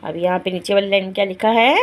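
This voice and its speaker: A woman's voice: mid-range voice, fairly even intonation, fast talker. A woman teaching young children to read, sounding out each letter and vowel sign and then repeating the whole word. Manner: addresses the children directly and checks understanding. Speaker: primary school Hindi teacher. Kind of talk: slow syllable-by-syllable reading lesson for children.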